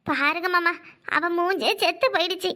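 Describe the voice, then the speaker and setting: Woman doing a motherly cartoon village wife, very high, bright voice. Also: normal speed. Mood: pleading. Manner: soothing, pleading, motherly. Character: kind caring village housewife, middle-aged. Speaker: cartoon voice actor. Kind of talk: cartoon voice acting.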